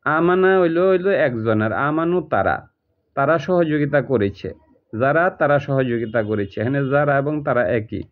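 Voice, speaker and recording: A man's voice: mid-range voice, normal speed. A man teaching Quran translation, explaining each word step by step and repeating it. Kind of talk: recorded lesson explaining Arabic word by word. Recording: tinny phone-like audio.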